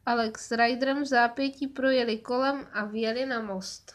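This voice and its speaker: A woman reads a children's story aloud in a clear, measured way. Her voice sits a little high and keeps an even storytelling pace. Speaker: audiobook narrator.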